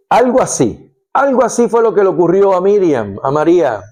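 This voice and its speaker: Man, devotional teacher, unhurried and warm-toned, lively storytelling delivery. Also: high voice. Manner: animated storytelling, acts out scenes. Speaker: preacher.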